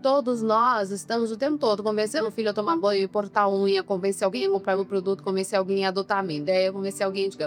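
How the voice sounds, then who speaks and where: A woman's voice: medium pitch, level tone, very fast, hardly any pauses, soft background music. Emphatic woman coaching on communication. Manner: emphatic, rhetorical questions. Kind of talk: podcast interview.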